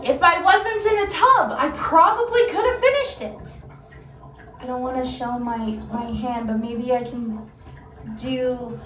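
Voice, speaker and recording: A woman's voice: high-pitched, a bit bright, recorded from a distance. A woman streamer in a bubble-bath tub, chatting in a giggly, rambling way. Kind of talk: casual live-stream chat. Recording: echoey bathroom, voice away from the mic.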